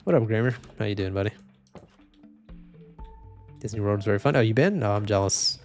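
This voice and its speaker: A young streamer reads chat and talks casually with viewers while gaming, a little fast, in a flat, low-energy voice that's slightly congested and that he himself calls boring. Faint game music and keyboard typing are audible behind him.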